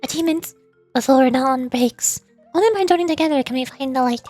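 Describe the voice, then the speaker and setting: A VTuber game streamer with a high, slightly fast and a little mellow voice chats casually with viewers during a livestream, with music in the background. She reads chat aloud and stumbles over hard names and words.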